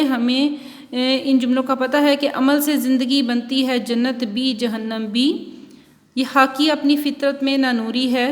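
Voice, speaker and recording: A woman teacher giving a recorded school lesson, explaining punctuation and reading a story aloud at a slow, careful pace. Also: high voice, big-room sound. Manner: reads textbook examples and a story aloud, explaining slowly. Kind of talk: online Urdu class lecture.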